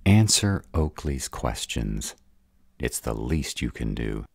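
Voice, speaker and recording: In an audio roleplay, a man voices a short-tempered were-dragon with an extremely deep, creaky, gravelly growl. Gruff, sarcastic and protective, he grumbles wearily at a slow pace, his pitch swinging widely. It's a full character voice with no room sound.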